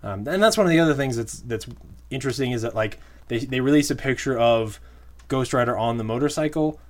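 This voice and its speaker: A man co-hosting a podcast, chatting casually about movies in a relaxed, agreeable way with frequent fillers. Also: mid-range voice, brisk. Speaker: podcast co-host.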